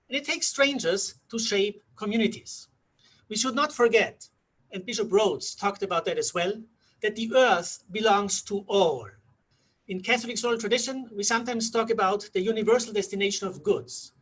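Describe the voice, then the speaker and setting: A middle-aged man from Austria, moderating a conference panel in a measured, reflective way that slows down for emphasis. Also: high-pitched, fairly bright tone, breathy edge. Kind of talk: formal conference introduction.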